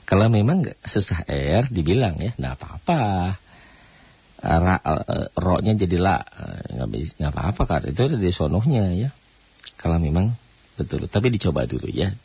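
A man's voice: low-pitched, very animated, moderate pace, vocal fry, breathy edge. A man hosting a call-in radio tajwid lesson. He asks questions and answers them himself, and draws out chanted recitation examples. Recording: lo-fi radio broadcast.

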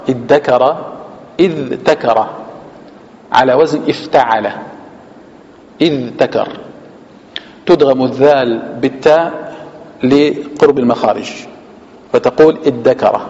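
A man's voice: mid-range voice, a little mellow. A man with a Levantine Arabic accent, a sheikh giving a Quran commentary lesson, explaining word by word and quizzing his listeners with rhetorical questions. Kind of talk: mosque lesson explaining scripture. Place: mosque hall. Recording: long hall reverb, dull lo-fi sound.

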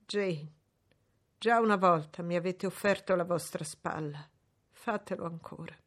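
A troubled, brooding gentleman from a classic-novel audiobook, as a woman reader puts him on. He speaks low and grave, often dropping into a hush, with a fairly low pitch. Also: measured pace. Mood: grave, shaken. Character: brooding troubled gentleman, middle-aged man. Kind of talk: audiobook reading.

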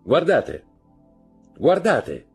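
Audiobook figure: bitter, cold nobleman, sardonic and declamatory, husky edge; male narrator lifts his voice. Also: medium pitch, sing-song, moderate pace, a little mellow, soft background music, pitched above the performer's own voice. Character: cold, bitter aristocratic count, middle-aged man.

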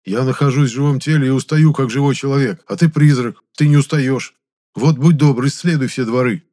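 A man voicing an excitable, touchy man who speaks high and loud and flares into shouting. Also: brisk, lightly acted. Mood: angry.

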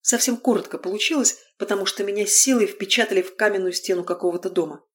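Woman, audiobook narrator, first-person fiction, wry, lively storytelling. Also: medium pitch, fast.

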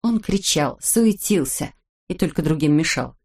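Female narrator for a children's story: measured, expressive reading with animated intonation. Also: low voice, husky.

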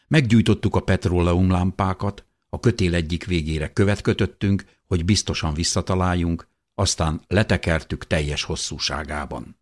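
A man reading a first-person audiobook in a measured, expressive storytelling manner. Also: low voice. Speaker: audiobook narrator.

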